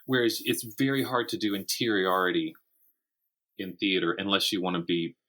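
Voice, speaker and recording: A man appears as a guest writer, an author of audio drama, in a conversational interview where he explains his craft and thinks aloud along the way. His voice is low, steady, pushed and bright, at a moderate pace.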